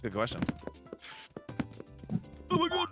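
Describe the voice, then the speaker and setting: Teasing male gamer, very lively pitch. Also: slow, over loud music. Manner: teasing, playful. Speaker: streamer guest. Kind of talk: casual gaming stream chat.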